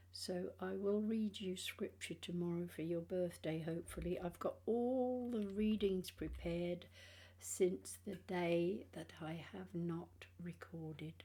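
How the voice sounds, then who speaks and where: An older British woman, in her sixties or beyond, chatting casually and haltingly in a personal vlog, sounding tired, with speech affected by missing front teeth. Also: on the low side, warm tone, breathy edge. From England. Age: 60s or older. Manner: halting, rambling, trailing phrases.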